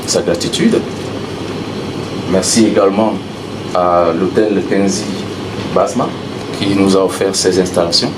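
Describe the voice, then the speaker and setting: A man acting as master of ceremonies, giving a formal, ceremonious and somewhat hesitant welcome at a press conference. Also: low voice. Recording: distant mic in noisy room.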